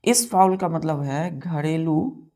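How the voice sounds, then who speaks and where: Lady teacher going over vocab, dark mellow voice, slow, spells words out, asks then answers herself. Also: deep voice, animated. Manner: asks the class questions and answers them herself. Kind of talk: classroom vocabulary lesson.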